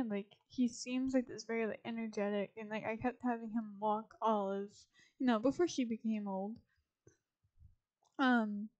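A woman's voice: fairly high pitch, mellow, lo-fi sound. A young woman chatting casually over a life-sim game, rambling and talking to her characters. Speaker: gaming YouTuber. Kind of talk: casual Sims gameplay commentary.

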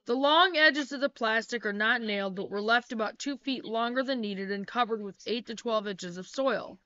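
Speaking at a moderate pace, a middle-aged woman who vlogs about homesteading narrates practical instructions with small self-corrections. Her fairly high voice is sharp, clear and resonant with no echo, though the laptop webcam in her small wood-paneled room makes it sound dull and lo-fi.

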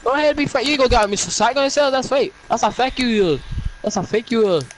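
A man's voice: very high voice, lively intonation, fast talker, heavy background noise. A young man taunting other players and swearing a lot during a game. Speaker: gamer. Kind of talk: trash-talking gameplay chat.

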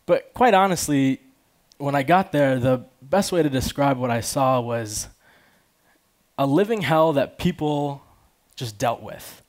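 An Afghan-born American from Chicago, about twenty years old, gives an informal stage talk at a conference, wearing a headset in a large auditorium with an audience present. His mid-range voice is animated and his pace measured. He casually drops in "like" and "you know" as he speaks conversationally.

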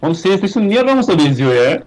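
A man's voice: high-pitched, very animated, very fast, crowd noise. A man talking on voice chat during a shooter game, teasing and calling out enemies. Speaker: teammate on voice chat. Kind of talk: casual gaming chat.

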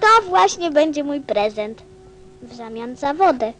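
An actress playing a gentle, wistful little boy from a star in a radio play, speaking tenderly. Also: high-pitched, lively intonation, a little slow.

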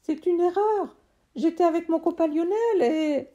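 Storybook boy hero, anxious, earnest, pleading, high and mellow; read by a woman. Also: measured pace, muffled recording. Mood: apologetic.

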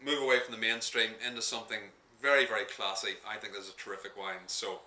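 A man's voice: lowish voice, flat delivery, quick pace, bright, forceful tone, far from the mic. A man with an Irish accent gives a casual, enthusiastic wine tasting review, chatting with a few restarts. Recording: echoey room, voice off-mic.

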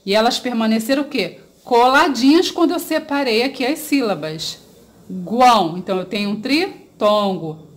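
A woman with a Brazilian Portuguese accent teaching a children's grammar lesson, drawing out syllables, asking pupils questions and praising their answers. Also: on the high side.

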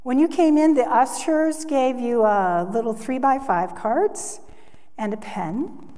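A woman delivers a sermon in an earnest, expressive way, pushing her voice up when she stresses a point. Her voice sits fairly high, and a long church reverb trails after her words. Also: slow. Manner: earnest, expressive, rising for emphasis. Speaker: preacher. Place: church sanctuary.

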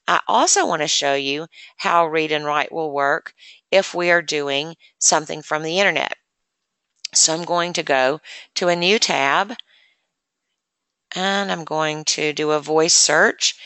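Low, bright-voiced woman demonstrating software. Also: clear, resonant tone, no echo. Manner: chatty, explains step by step with many fillers. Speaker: assistive technology presenter.

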